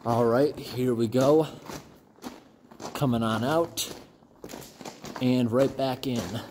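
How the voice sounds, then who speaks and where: A man gives easygoing running commentary while walking through old tunnels, his voice at a middle pitch. A faint hiss of noise sits under the camera-mic sound. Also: slow pace, a little mellow. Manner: casual, chatty narration while exploring. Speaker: urban explorer vlogger. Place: abandoned railroad tunnels and snow sheds, on foot.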